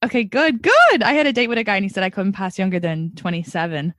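Thirty-something woman, podcast host, candid and giggly, lively pitch, dry close sound. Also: fast, no echo. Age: 30s. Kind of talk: casual chat.

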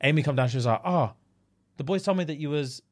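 A man's voice: a little high, quick pace. A man with a London roadman accent and street slang, chatting casually and acting out dialogue as he tells stories. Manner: animated storyteller acting out dialogue. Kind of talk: casual chat.

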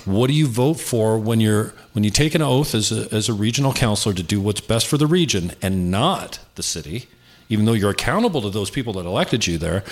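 A man's voice: lowish voice, expressive, brisk. A man with a Canadian accent hosting a casual political interview in an informal, joking way. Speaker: interview host.

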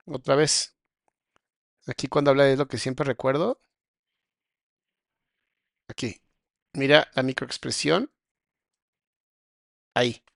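A man's voice: medium pitch, slow pace, gravelly, pauses often, fairly bright tone, no echo, studio quality. A Mexican man, a psychologist hosting a reaction video, explaining what he sees and speaking his opinions with emphasis. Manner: explains and points things out, turns preachy and emphatic. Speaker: psychologist host. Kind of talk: reaction commentary.

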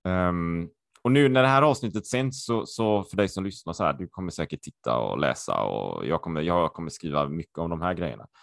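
A man co-hosting a podcast over a video call, excitable and chatty, repeating himself with lots of fillers. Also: deep voice, vocal fry, no room sound, clean studio sound. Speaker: podcast co-host.

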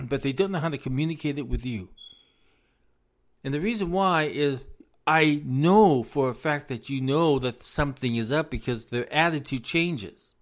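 Earnest man, slightly high, hoarse. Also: lively intonation, normal speed. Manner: earnest, repetitive, addresses parents directly. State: losing his voice. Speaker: speaker on parenting. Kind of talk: informal advice talk.

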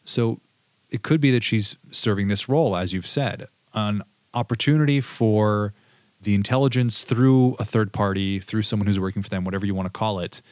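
A man with a low voice hosts a casual history podcast. He talks conversationally and reads out quotes from his sources. The sound is dry and close. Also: steady tone, moderate pace, darkish tone, no echo. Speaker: podcast host.

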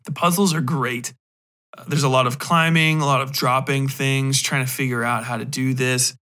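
A podcast host gives a casual, unscripted review, rambling and emphatic and full of profane slang. He speaks at a medium pitch and moderate pace, with fairly even intonation and a bright, forceful tone.

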